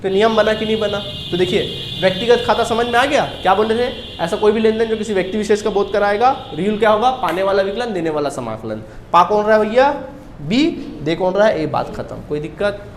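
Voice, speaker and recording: High-voiced man teaching an accounts class. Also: fairly quick, reverberant, a little hiss or hum. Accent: Chhattisgarhi Hindi. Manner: drills students with repeated questions. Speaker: commerce teacher. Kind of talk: classroom lecture.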